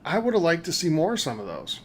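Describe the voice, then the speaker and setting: A man's voice: on the high side, wildly swooping pitch, fast, a little hiss or hum. A man hosting a casual podcast chat, upbeat, leading the talk and putting questions to his co-hosts. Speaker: podcast host.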